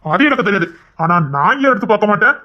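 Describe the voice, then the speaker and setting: A woman's voice: mid-range voice, animated, fast, sharp tone. A woman voicing a proud, brusque husband in an audio drama, speaking in a grumbling, dismissive way. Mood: gruff, dismissive. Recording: dull lo-fi recording.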